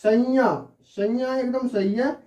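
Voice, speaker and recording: A man's voice: very high voice, steady tone, measured pace, warm tone. A man teaching Hindi spelling in an online lesson. He goes through the words one by one and keeps checking in with his listeners. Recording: roomy sound, mic at a distance.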